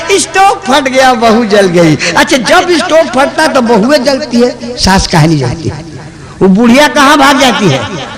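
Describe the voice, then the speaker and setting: A man preaching, his voice very high and his delivery slow and drawn out. He shouts, mocks and fires rhetorical questions at his listeners. A large crowd is heard clearly behind him. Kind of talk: fiery sermon. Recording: crowd audible behind the speaker.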